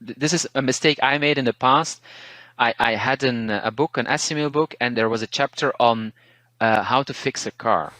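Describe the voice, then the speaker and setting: With a mid-range voice and a Belgian Dutch accent, this Dutch-speaking teacher from Belgium gives relaxed, reflective language-learning tips. He pauses and restarts words throughout. It's an interview of casual advice, recorded dry.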